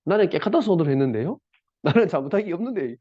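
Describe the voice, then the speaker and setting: A man's voice: very animated, quick pace, highs cut off. A preacher doing an indignant protesting king. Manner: pleading, defensive, raised pitch.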